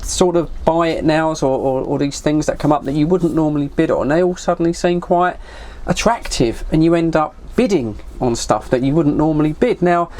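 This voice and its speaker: Speaking from a shed at a normal pace, this fairly high-voiced man has a darkish tone and an English accent. He's middle-aged, a hobbyist vlogger and CB radio fan, and he rambles casually to viewers, poking fun at himself and swearing a bit.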